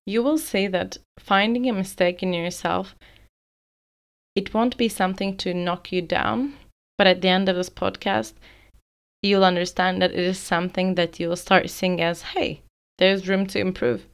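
Woman, podcast host, solo monologue: lowish, clean voice, thoughtful and explanatory, a casual filler-heavy delivery. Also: fairly even intonation, normal speed, clear, resonant tone.

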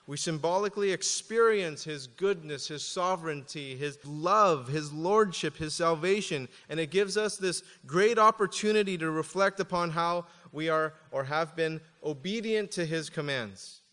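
A man preaching a sermon as pastor, reading scripture aloud slowly and then explaining it with casual asides. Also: a little high, a bit bright, in a large hall.

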